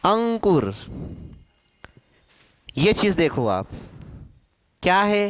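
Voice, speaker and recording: Slow, lively-pitched man teaching a class. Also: smooth, dry recording. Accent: Hindi, from central India. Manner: asks questions and answers them himself, repeating sounds slowly. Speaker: Hindi teacher. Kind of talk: classroom grammar lesson.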